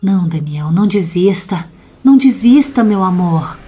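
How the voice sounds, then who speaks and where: A woman voicing a gentle, loving young woman who guides her beloved, speaking softly and soothingly in a horror audio story. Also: mid-range voice, animated, normal speed, slightly rough, soft background music. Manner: soft, soothing, reassuring. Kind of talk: dramatic audio-story reading.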